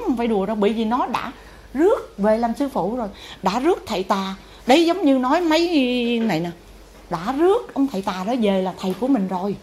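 A woman's voice: fairly high pitch, a little mellow, a little hiss or hum. A woman with a Southern Vietnamese accent, a spiritual teacher telling her followers a dramatic story with emphatic delivery. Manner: emphatic, dramatic retelling with acted-out quotes.

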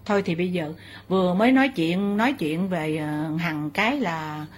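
A woman's voice: lowish voice, normal speed, a little hiss or hum. A woman acting as a spirit medium, talking in a rambling way full of fillers and exclamations. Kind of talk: spiritual session talk.

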